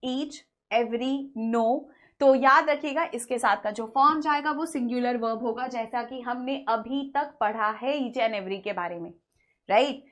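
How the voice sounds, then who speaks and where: High-voiced Hindi-speaking grammar teacher woman. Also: fairly bright tone. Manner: mixes Hindi with English, asks questions then answers them; slows down to read English example sentences. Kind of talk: online grammar lecture.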